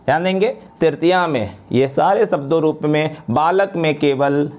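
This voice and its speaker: A man teaching a grammar lesson to students, slowly reciting and repeating word forms one by one. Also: fairly high pitch, darkish tone, lo-fi sound. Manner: addresses students directly, repeats each form.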